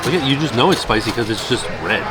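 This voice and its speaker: A man's voice: mid-range voice, animated, quick pace, rough recording. A man chatting casually and enthusiastically as he vlogs a food and merch review. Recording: loud music and busy outdoor crowd behind. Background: loud music, crowd.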